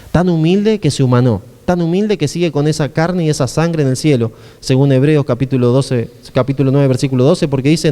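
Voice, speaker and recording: A man's voice: on the high side, dark tone, big-room sound. A man with an Argentine accent preaching a sermon as a pastor, in a conversational style with many rhetorical questions.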